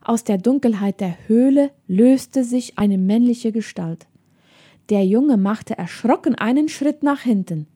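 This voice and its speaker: A woman reading a children's story aloud in calm, even scripted narration. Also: fairly high pitch, a little slow, slightly rough. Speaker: audiobook narrator.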